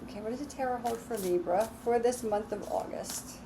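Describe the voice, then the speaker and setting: A woman reading tarot cards alone, talking in a slow, soothing, reassuring way. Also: on the high side, noisy background. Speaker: tarot reader. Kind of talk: relaxed solo tarot reading.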